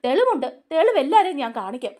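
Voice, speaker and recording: A brash, accusing young man, as a woman storyteller puts him on. The voice sits high and swings widely, insistent and confrontational throughout the retold scene. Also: very animated, fast, mellow.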